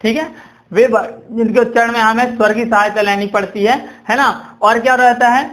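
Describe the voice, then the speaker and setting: Young guy teaching grammar, really high voice, asks and answers his own questions, slow dictation bits. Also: little pitch movement, fairly bright tone. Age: young adult. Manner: asks questions and answers them himself, repeats key words; drawn-out dictation while writing. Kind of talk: Hindi grammar lesson.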